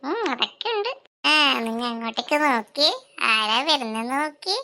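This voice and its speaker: A woman performing a comic family skit, switching quickly between scolding, teasing and calling out to children. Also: a little high, big pitch swings, pushed and bright. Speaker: comedy sketch performer.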